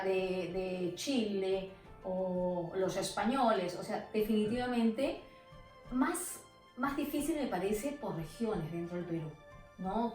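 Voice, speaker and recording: Woman, Peruvian accent, Lima, animated, casual interview, echoey, distant mic. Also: medium pitch. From Peru. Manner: animated, imitates other accents and sellers.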